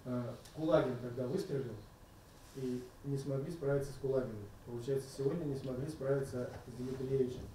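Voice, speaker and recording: A man asks a journalist's long, polite questions from the floor of a press conference. He sounds far from the microphone in a very echoey room. Clear background noise sits under his voice. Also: medium pitch, steady tone, a little fast, dark tone. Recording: distant, echoey room mic.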